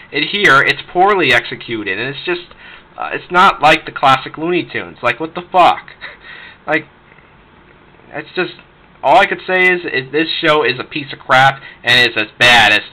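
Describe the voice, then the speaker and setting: Bright-voiced man ranting with restarts. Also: a little high, rough recording. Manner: rambling, many restarts, swears and laughs while ranting. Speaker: reviewer counting down shows. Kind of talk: unscripted ranting review.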